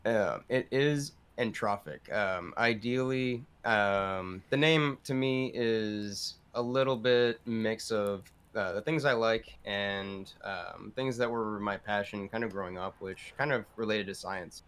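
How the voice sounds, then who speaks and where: A young man, a guest artist, chatting casually and hesitantly on a podcast, with many pauses and ums. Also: lowish voice, a bit bright, smooth.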